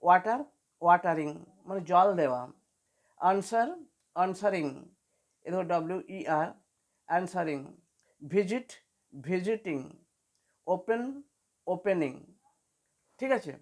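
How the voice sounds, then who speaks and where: A woman's voice: fairly low pitch, slow, long pauses, darkish tone. A woman teaching an English spelling lesson for beginners, patiently spelling words out letter by letter.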